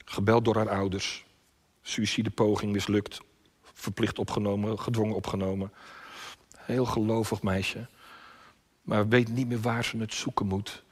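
A male pastor preaching with great passion, moving from loud pleading cries to hushed, whispered prayer. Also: lowish voice, slightly rough. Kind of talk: sermon.

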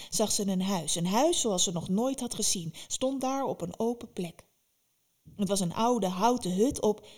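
A woman narrating a fairy tale in a lively, expressive storytelling manner. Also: medium pitch.

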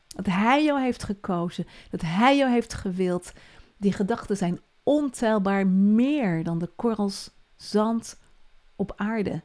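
A woman speaks straight to the listener on a devotional podcast. She is earnest and encouraging, and her voice sits at a middle pitch. She often sinks to a soft hush.

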